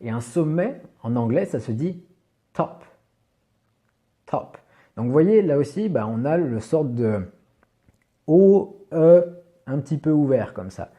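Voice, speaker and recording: With a mellow, animated, medium-pitched voice, a man slowly and patiently walks through English pronunciation in a video lesson, using lots of little "bah" fillers.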